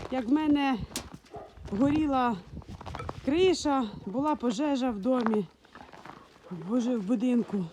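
A woman's voice: sits high, mellow, slight background noise. A woman from Ukraine, a dog breeder, talking casually in her vlog in a frosty yard, cooing and baby-talking to her dogs into a handheld phone.

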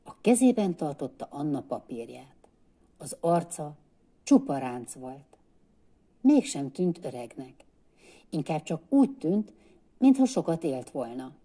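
Woman librarian reading a children's book aloud. Low pitch, very warm dark tone, measured. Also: very animated, husky. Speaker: librarian reader.

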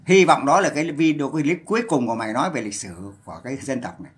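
A man's voice: mid-range voice, expressive, rapid-fire. A man ranting on a livestream, scolding and cursing in a heated voice. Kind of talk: angry livestream rant.

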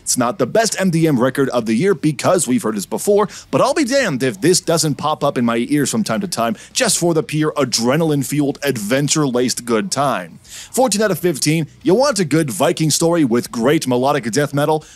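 A man hosting a metal music podcast, talking in an energetic, jokey and profane way as he reviews albums. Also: brisk, no echo. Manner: animated, jokey, profane, swings pitch up for emphasis. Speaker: podcast host.

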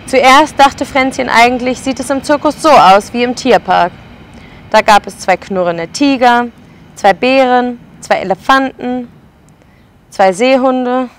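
A woman preschool educator reading a picture book aloud to children and pausing to explain the pictures. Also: a little high.

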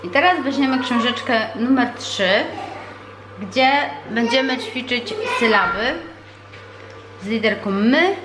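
A patient mother talks through a home reading lesson, calm and explanatory with small pauses as she searches for words. Her voice sits a little high and rings in an echoey room. A faint noise hums underneath. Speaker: parent teaching her child to read.

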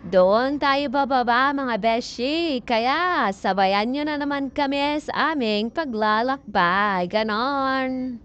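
Hiking a mountain peak with a handheld phone, a woman vlogger chats playfully to viewers she treats as friends. Her high-pitched voice is slow, smooth and fairly bright in tone, bubbly in manner, though the audio itself sounds dull.

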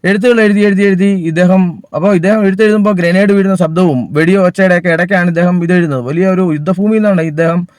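A man giving a sermon, pausing often with fillers and restarting his sentences. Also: sits high, darkish tone, dry recording. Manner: halting, many fillers and restarts. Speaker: preacher.

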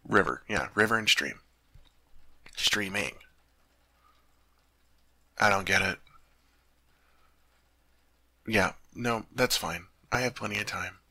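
For an ASMR roleplay aimed at the listener, a man plays a sweet, naive teddy bear turned into a tall man, using a full character voice. His lowish voice is very bright and crisp-edged with a gravelly creak, recorded close and dry with no echo. Curious and eager, he chats earnestly and innocently, slowly and with frequent pauses, easily puzzled by human things.

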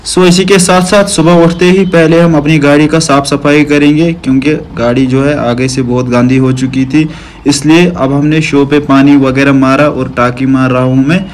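एक जवान कश्मीरी लहजे वाला आदमी, जो फ़ोन हाथ में लेकर दर्शकों को अपना ट्रक दिखाता और समझाता है।. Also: male voice, on the high side, steady tone, normal speed, slight background noise. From Kashmir. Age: young adult. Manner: friendly, shows things off to viewers. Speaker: trucker vlogger. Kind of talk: casual vlog walkthrough. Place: outdoors beside parked trucks and in the cab. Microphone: phone camera at arm's length.

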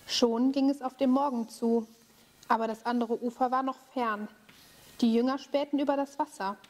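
A woman leading a children's church service, reading a story slowly, clearly and expressively. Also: a little high, steady tone.

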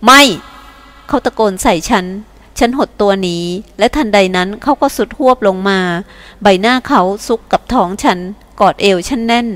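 A woman's voice: medium pitch, normal speed. A woman narrating a novel in the first person for an audiobook, with emotional storytelling.

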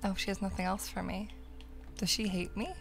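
A woman's voice: medium pitch, little pitch movement, fairly quick, soft background music. A woman giving casual, playful and irreverent commentary as she plays a game. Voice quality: creaky. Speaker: game streamer. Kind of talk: casual gameplay commentary, reading dialogue aloud.

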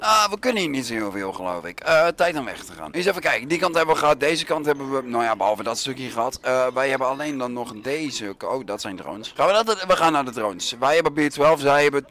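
Animated Dutch gamer, playful banter. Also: male voice, mid-range voice, brisk, few pauses, a little hiss or hum. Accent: Netherlands Dutch. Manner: playful, jokey, sprinkles in English phrases and swearing. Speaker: gaming channel host. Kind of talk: let's play commentary.

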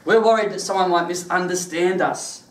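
Male preacher, high-pitched and lively, recorded from a distance in a reverberant hall. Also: moderate pace. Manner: animated storytelling, laughs through his stories. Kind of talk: sermon with personal testimony. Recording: echoey room, mic at a distance.

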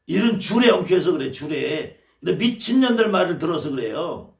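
A man's voice: a little high, very animated, moderate pace, creaky, reverberant, distant mic. A man from the Chungcheong region, a shaman teaching his viewers, blunt and scolding and swearing freely as he lectures. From Chungcheong, South Korea.

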